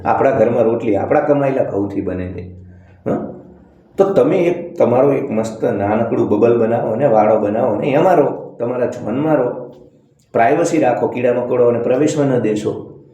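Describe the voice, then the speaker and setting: Motivational speaker, man; preachy, scolding, sarcastic; warm low timbre, reverberant room. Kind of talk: blunt motivational monologue.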